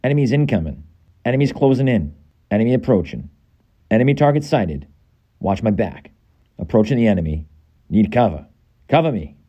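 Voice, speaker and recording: A man's voice: fairly low pitch, big pitch swings, a little fast, pauses often, warm tone, highs cut off. A man with a Boston accent voicing a tough American soldier in a video game, giving clipped military radio callouts. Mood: urgent, commanding. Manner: clipped, urgent military delivery.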